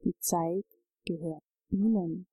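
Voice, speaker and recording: A woman narrating a guided relaxation journey, giving calm, soothing instructions. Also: on the low side, slow pace, slightly rough, dry recording.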